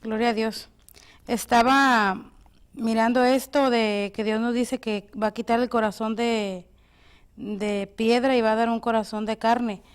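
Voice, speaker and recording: A woman's voice: a little high, level tone, a little slow, smooth. A woman co-hosting a devotional show, steadily explaining and reading Bible verses aloud. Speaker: co-host.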